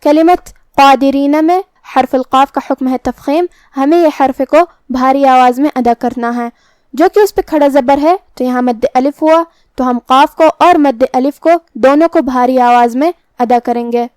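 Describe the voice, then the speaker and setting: High clear-voiced woman teaching recitation. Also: a little mellow, dry recording. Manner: slow, careful explanation of pronunciation rules. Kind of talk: tajweed lesson, explaining then reciting.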